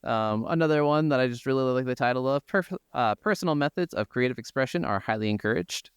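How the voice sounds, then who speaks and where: Talking fast in a smooth, medium-pitched voice, another co-host chats casually about games on a podcast, with the odd offhand swear. The recording is dry, with clean studio sound.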